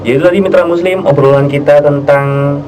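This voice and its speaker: A man's voice: on the high side, fairly even intonation, brisk, a little mellow. A man presenting a radio talk show conversationally, polite and deferential, with somewhat hesitant phrasing. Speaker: radio host. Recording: slightly distant mic, faint noise.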